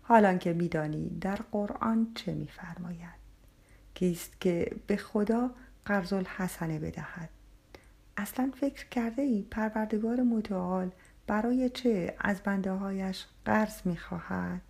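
A woman voicing a calm, firm wandering dervish. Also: mid-range voice, vocal fry, lightly acted. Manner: quiet and steady, often half-whispered.

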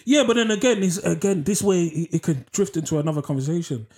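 A man's voice: sits high, lively intonation, fast, a little mellow. A young man with an urban London roadman accent, chatting casually and giving advice in an emphatic, repetitive, slangy way.

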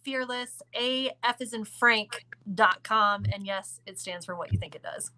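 A woman's voice: medium pitch, measured pace, sharp tone, rough recording. A woman from the American South, a podcast guest answering questions in a playful, emphatic, opinionated way. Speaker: podcast guest, business owner. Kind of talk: casual interview chat.

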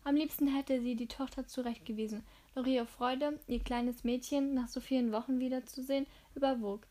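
A woman reading a novel aloud in steady scripted narration, with occasional slips. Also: high-pitched, normal speed. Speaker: audiobook narrator.

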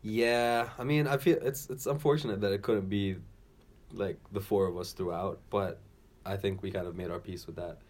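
A man with a very deep voice speaks on a casual podcast. He talks in a measured, thoughtful way. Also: fairly even intonation, darkish tone. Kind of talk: casual chat.

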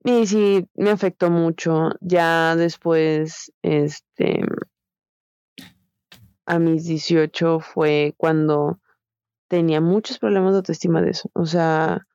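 A woman's voice: sits low, fairly even intonation, slow, warm tone, clean tone, dry recording, lo-fi sound. A young woman with a Mexican Spanish accent, telling a personal story in a candid, slangy way with many fillers. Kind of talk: casual storytelling chat.

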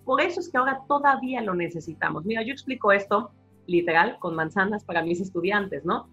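A Mexican woman with a Mexican accent, an academic guest explaining her views in a lively conversational interview. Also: medium pitch, a little fast, breathy edge, lo-fi sound, soft background music. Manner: animated explainer, acting out quoted voices.

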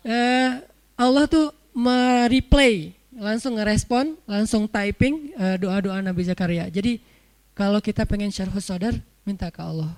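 A man giving a casual, joking sermon, chatty and informal, and chanting Arabic verses slowly. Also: sits high. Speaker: preacher.

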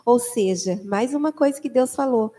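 A woman's voice: a little high, normal speed, mellow. A young adult woman giving a church testimony as a mother, telling her story with animation and acting out the voices of others. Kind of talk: personal testimony in conversation. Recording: long reverb of a large hall.

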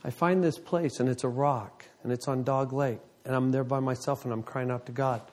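Man in his 50s, church leader telling his story to the congregation, gets all worked up and loud, voice climbs high. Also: brisk. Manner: animated storytelling, voice surging high with excitement. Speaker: ministry leader. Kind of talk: emotional testimony to a congregation.

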